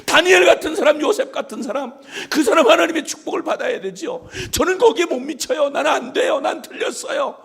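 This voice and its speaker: A woman's voice: high voice, lively intonation, fairly quick, creaky, hardly any pauses, pitched above the performer's own voice. A man preaching as he voices a desperate mother who begs for her possessed daughter, crying out. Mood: humble pleading. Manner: pleading, crying out.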